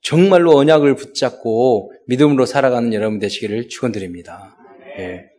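A man's voice: mid-range voice, fairly quick, dark tone. A male pastor delivering a sermon, rising into exhortations and acting out quoted speech.

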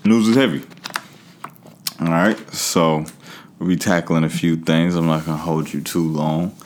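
Extremely deep-voiced man chatting casually. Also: little pitch movement, normal speed. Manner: informal, slangy, conversational. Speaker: podcast host. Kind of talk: casual solo chat.

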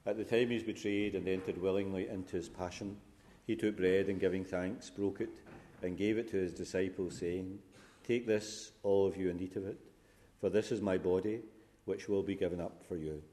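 Low-voiced priest reciting solemn prayers. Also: male voice, fairly even intonation, moderate pace, mellow, a little hiss or hum. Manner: solemn, formal. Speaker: priest celebrating a funeral Mass. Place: church.

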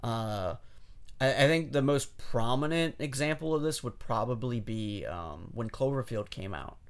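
A man's voice: medium pitch, expressive, a little slow, smooth. A man co-hosting a casual podcast, rambling and hesitant as he explains things, with plenty of fillers and restarts. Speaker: podcast co-host.

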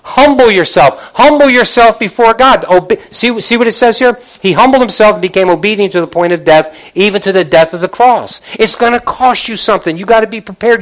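A male pastor delivers a motivational sermon in a high-pitched voice. He exhorts his listeners directly and emphatically, repeating key phrases. His wording is colloquial and conversational, full of rhetorical questions. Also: fairly bright tone, low-quality recording. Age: middle-aged or older. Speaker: pastor preaching to a congregation.

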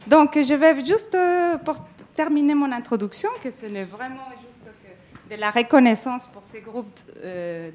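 Hesitant woman from Mexico. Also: fairly high pitch. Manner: hesitant, many fillers and restarts. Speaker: event organizer. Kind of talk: event introduction speech.

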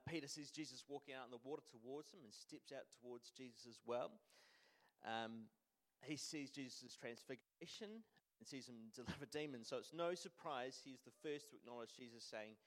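A man's voice: mid-range voice, normal speed, rough recording. A young man with a New Zealand accent giving an informal sermon in a casual, hesitant, self-deprecating way. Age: young adult. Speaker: church speaker giving a sermon.

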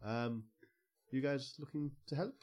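A man's voice: mid-range voice, a little slow, darkish tone, a little hiss or hum, natural voice. A man voicing a nervous chief in a skull hat, stammering, polite, awkward, storyteller in a tabletop game. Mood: apologetic.

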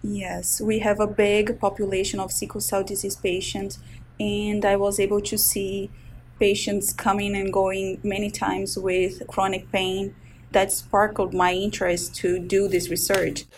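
Her delivery is completely flat and unhurried: a medium-pitched Brazilian woman in her thirties, a resident physician with a Brazilian Portuguese accent, describing her research in an interview. She hesitates often while carefully explaining medical terms, and there's slight hiss or hum.

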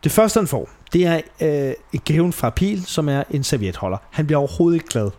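A man's voice: fairly high pitch, very animated, darkish tone. A man hosting a podcast, chatting casually and retelling scenes with quoted lines and frequent laughs. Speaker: podcast host. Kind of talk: casual chat recapping a TV show.

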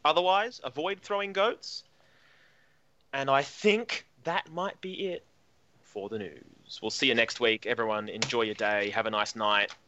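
A man's voice: mid-range voice, unhurried, bright, forceful tone, muffled recording, a little hiss or hum. A young man co-hosting a casual comedy podcast, reading odd news items with jokey asides. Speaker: podcast co-host.

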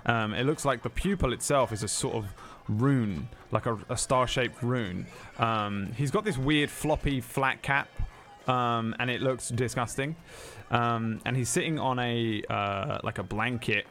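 A man narrating a tabletop game as game master, rambling with many pauses and ums. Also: medium pitch, a bit bright.

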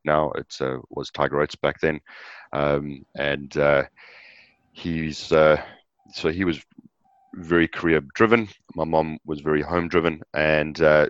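A man's voice: rumbling low, dry recording, highs cut off. A man with a South African accent, a guest explaining energy trading in an interview, with many fillers and restarts. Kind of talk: interview answers.

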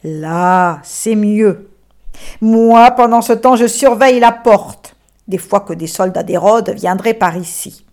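Woman doing a bossy old ox, loud and slow. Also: mid-range voice, lightly acted. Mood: coaxing. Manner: loud, commanding, then slowing to coax. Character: bossy old male ox giving orders.

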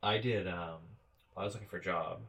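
Low-voiced young man, wry and rambling. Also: steady tone, fast, creaky, a bit bright, rough recording. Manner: wry, rambling, jokey asides. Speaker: podcast host asking questions. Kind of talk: casual conversation.

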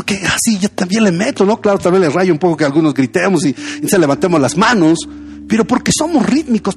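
High-voiced pastor preaching. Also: male voice. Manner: conversational, anecdotal preaching. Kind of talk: sermon.

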